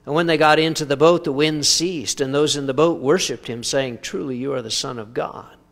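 A preacher giving a conversational sermon, asking rhetorical questions with dry humor. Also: male voice, on the high side, moderate pace, vocal fry, a bit bright, big-room sound. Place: church sanctuary.

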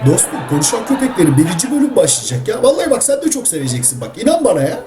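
A man voices cheeky, slangy talking dogs in a comedy voice-over of pet videos, sounding streetwise, joking and exasperated. His high voice swings hugely in pitch and runs very fast over loud background music.

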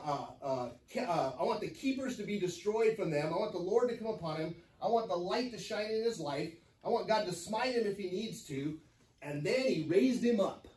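A man's voice: high-pitched, darkish tone. A man teaching a church Bible class, telling a personal story with many ums and restarts. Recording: echoey room, mic from far off.

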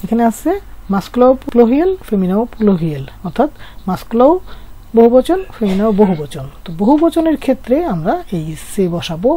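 Female teacher from Bangladesh, mellow tone, patient step-by-step grammar lesson. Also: on the high side, big pitch swings, brisk, slight background noise. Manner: patient, explaining step by step with rhetorical questions. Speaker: French teacher.

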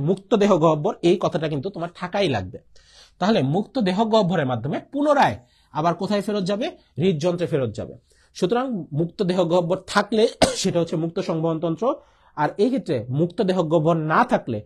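Young Bangladeshi-accented man as a tutor, husky voice, lively pitch, coughs between points. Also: quick pace. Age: young adult. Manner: repeats key points, asks and answers his own questions, coughs often. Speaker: biology tutor. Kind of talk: online exam-prep lecture.

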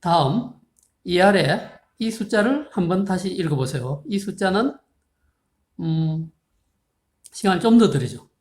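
A patient math teacher walks viewers through a lesson at an unhurried pace, reading numbers out digit by digit. The speech is polite and formal, often pausing to ask a question. The voice sits at a middle pitch and carries a roomy echo. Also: lively intonation. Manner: slow, patient explaining, reading digits out one by one. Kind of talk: recorded video lesson. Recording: roomy, echoey room sound.

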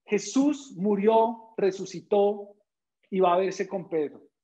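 A young man preaching a sermon as pastor, firing rhetorical questions and dropping to a hush when quoting Jesus. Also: high-pitched, slow pace, highs cut off. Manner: drops to soft, quiet tones when quoting Jesus.

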